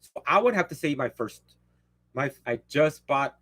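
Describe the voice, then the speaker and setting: In a casual livestream, a Spanish-speaking host talks at a moderate pace in a mid-range, slightly bright voice with lively intonation. He wanders off topic, interrupts himself and speaks bluntly, recorded close and dry with no echo.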